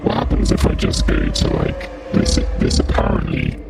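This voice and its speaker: A streamer chats on a livestream in character as an evil male demon threatening humans, his voice run through a changer to sound like a disguised deep monster. The delivery is gravelly, slow, and menacing, though the mood stays casual. Loud music plays behind him, and background noise is heavy.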